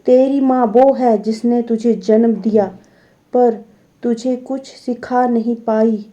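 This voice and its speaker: A woman's voice: on the high side, steady tone, slow, dark tone. A woman voicing a stubborn, angry older mother-in-law who scolds and insists, on a dull lo-fi recording.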